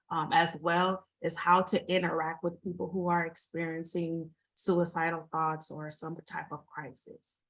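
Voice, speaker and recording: A woman speaking as a guest mental health responder over a video call, giving informal advice with many pauses, fillers and repeated phrases. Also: lowish voice, a bit bright, low-quality recording. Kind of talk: informal presentation to an online group.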